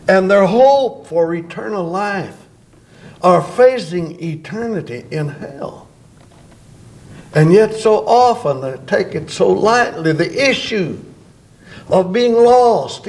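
A man's voice: high voice, a little mellow. An older man, a pastor, preaching a sermon at a church podium microphone, drawing out words for emphasis. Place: church sanctuary before a bank of flowers.

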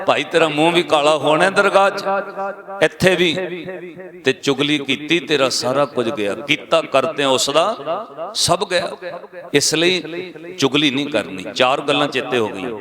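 A man giving a Sikh scripture sermon, chanting verses slowly and rising high and loud to stress his points. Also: crowd noise. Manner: slow chanted scripture lines between plain spoken teaching. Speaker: Sikh preacher. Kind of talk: Gurbani katha sermon.

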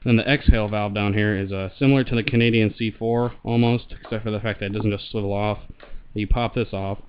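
Smooth, lowish-voiced man reviewing gear. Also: fairly even intonation, brisk, lo-fi sound. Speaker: gas mask reviewer. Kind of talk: casual hands-on product demonstration.

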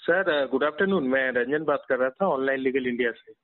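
A man's voice: mid-range voice, fairly quick. A man calling from a legal services company, speaking politely and formally with some hesitant fillers. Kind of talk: formal business call. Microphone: phone call. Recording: tinny phone line.

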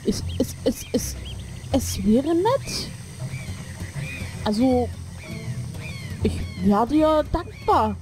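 Her high voice swings widely in pitch, and she speaks very slowly with frequent pauses. The streamer, slightly ill and short of breath, offers casual, meandering commentary on an online game, correcting herself and joking. A desk microphone in her new recording room picks her up over loud game music.

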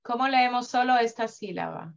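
A woman teaching Hebrew reading in a live class, slowly drawing out sounds to demonstrate them with patience. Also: on the high side, gravelly. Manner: patient, drawn-out demonstrative pronunciation. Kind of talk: slow online reading lesson. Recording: dull lo-fi audio.

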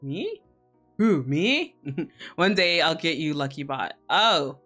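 Female VTuber host, a little low-pitched and slow-paced, playful casual sweary chat. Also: big pitch swings, fairly bright tone. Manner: playful, mock-scolding, giggly, casually sweary. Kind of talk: casual livestream chat, reacting to viewers. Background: music.

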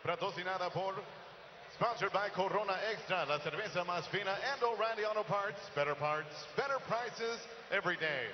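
High, booming male lucha libre-style ring announcer. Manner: booming showman delivery with drawn-out names, like a lucha libre announcer. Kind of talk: bilingual Spanish and English ring announcing. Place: boxing ring in an indoor arena. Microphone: handheld microphone. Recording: echoey arena PA, dull, crowd noise.

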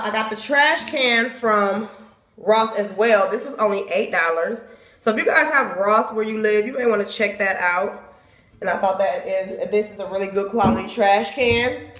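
A woman's voice: a little high, fairly bright tone. Chatty young woman in an echoey bathroom. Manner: chatty, lists items and prices. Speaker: home decor vlogger. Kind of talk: casual haul and home tour. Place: small home bathroom, indoors. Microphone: phone camera at arm's length.

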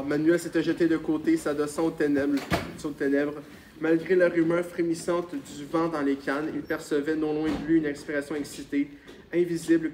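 A man reading a novel aloud as an audiobook narrator, in a steady, measured voice. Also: on the high side. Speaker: audiobook reader. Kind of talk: scripted narration. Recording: noisy with clicks.

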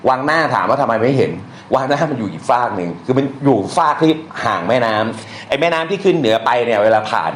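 A man teaching poetry in a casual, blunt way, using slang and reciting verses aloud. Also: on the low side. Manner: blunt and colloquial, with slang and crude words. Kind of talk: casual lecture on Thai poetry. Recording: echoey room, faint noise.

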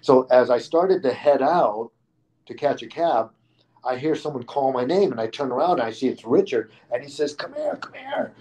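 Guy on a podcast telling a story, lots of i-i-i restarts, casual and animated. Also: medium pitch, normal speed, poor audio. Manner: animated anecdote teller with frequent restarts, acting out quoted people. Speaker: guest.

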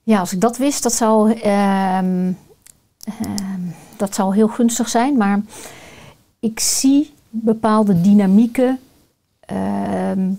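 Mellow-voiced woman coach, thoughtful and searching. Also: medium pitch. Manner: thoughtful, searching for words with many fillers. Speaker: guest, coach and family constellation facilitator. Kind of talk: reflective podcast conversation.

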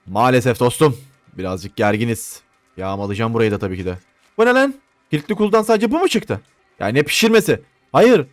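A man's voice: mid-range voice, no room sound. A young man commentating a western video game as he plays, joking, swearing and talking back to the characters. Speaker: gameplay commentator. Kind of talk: let's play commentary.

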